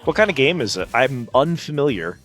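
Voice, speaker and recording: A man's voice: medium pitch, sing-song, brisk, fairly bright tone. A man chatting casually as he hosts a live game stream, with playful, exclamatory greetings to his viewers. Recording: music behind the voice.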